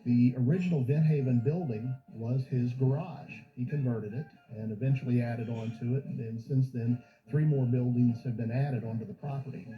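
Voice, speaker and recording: A man's voice: mid-range voice, normal speed, hardly any pauses. A man speaking as a museum guide in an informal documentary interview, explaining and telling stories. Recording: muffled audio with music behind. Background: background music.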